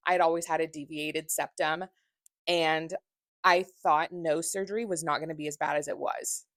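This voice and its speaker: A young woman speaks to her viewers in a casual vlog style. Her voice sits on the low side and is captured dry, with very little room sound. She is candid and blunt in how she puts things. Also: fairly even intonation, moderate pace, a bit bright, no echo. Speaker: vlogger.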